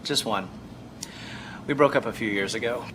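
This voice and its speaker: An actor plays a wry single man who teases his friend and makes polite small talk on dates. His voice sits in a middle pitch, with steady background noise around him. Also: moderate pace, natural voice. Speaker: single man back on the dating scene. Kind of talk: film acting.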